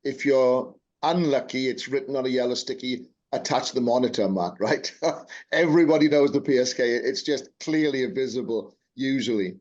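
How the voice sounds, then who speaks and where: A man's voice: medium pitch, moderate pace, darkish tone. Wry joking man, muffled mic. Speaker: webinar co-presenter. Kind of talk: casual technical explanation. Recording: slightly dull, muffled mic.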